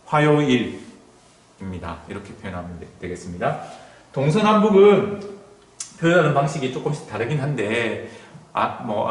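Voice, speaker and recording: A man teaching a beginners' sign language class, explaining each sign slowly and demonstrating as he talks. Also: mid-range voice, roomy sound. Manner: slow, explanatory, drawn-out words while demonstrating signs. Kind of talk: recorded sign language lesson. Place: indoor room at a welfare center.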